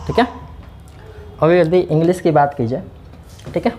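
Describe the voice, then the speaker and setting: In this classroom lecture, a man's slightly high, dark-toned voice moves at a moderate pace and stays expressive. The recording is muffled with faint music behind it. He walks through the material step by step, repeatedly says "theek hai," and answers his own questions.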